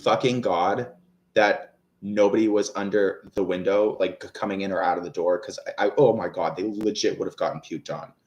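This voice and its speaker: This tarot reader, a man in his thirties, speaks at normal speed in a low, slightly mellow voice with fairly even intonation, and the sound is lo-fi. Between viewers' questions, which he reads out, he rambles and swears, full of fillers and false starts.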